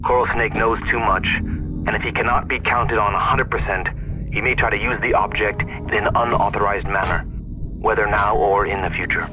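A man playing a cold, officious military colonel in a video game, formal and measured as he reports. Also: fairly low pitch, steady tone, close to an everyday voice, low-quality recording. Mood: coldly formal. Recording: loud game music underneath.

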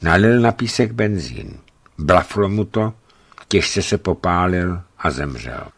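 A man reading a travel book aloud in calm storytelling narration. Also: deep voice, creaky. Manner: calm storytelling, lifts his voice for quoted speech.

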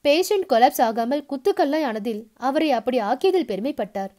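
High-voiced woman reading a story. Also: animated, brisk, mellow. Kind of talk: reading a novel aloud.

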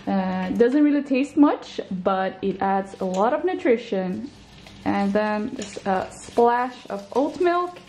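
A woman in her twenties with a raspy morning voice, chatting casually through her day while cooking in her kitchen. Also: mid-range voice, animated, slow pace, warm tone, slight background noise. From Sweden. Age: 20s. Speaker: vlogger. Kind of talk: casual vlog narration. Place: home kitchen.

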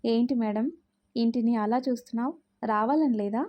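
A woman's voice: fairly high pitch, steady tone, moderate pace, muffled recording, close to an everyday voice. A woman voicing a playful young husband who teases his wife and sister-in-law. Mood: teasing. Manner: playful teasing. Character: teasing, generous young husband.

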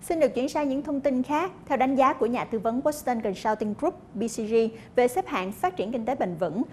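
A woman's voice: a little high, animated, normal speed, slight background noise. A young woman presenting the news in a TV studio with a formal, composed delivery. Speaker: news anchor.

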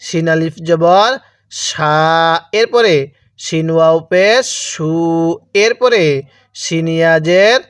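A man's voice: a little high, takes it slowly, clear, resonant tone, dry recording, clean studio sound. A man teaching Arabic letter reading in a lesson, with a Bangladeshi Bengali accent, drilling syllables one by one. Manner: drills syllables, repeating each one for the learner. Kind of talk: slow recitation lesson.

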